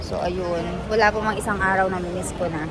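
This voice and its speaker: A woman's voice: mid-range voice, steady tone, brisk, crowd noise. A woman talking casually in a travel vlog, chatting to her viewers from her phone as she heads out on a trip and mixing English into her talk. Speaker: vlogger.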